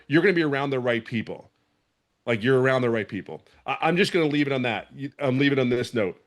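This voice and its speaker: A middle-aged man from Philadelphia, speaking with a Philadelphia accent, gives a passionate, emphatic testimonial and often repeats himself. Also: mid-range voice. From Philadelphia, USA. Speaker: program member giving a testimonial. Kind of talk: emotional testimonial on a video call.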